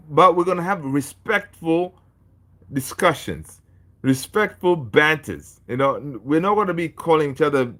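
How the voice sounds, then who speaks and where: A man's voice: mid-range voice, pushed and bright. Laid-back man from Tanzania hosting a stream. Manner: laid-back, chummy, addresses viewers as homie and man. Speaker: football channel host. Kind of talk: casual livestream chat reading comments.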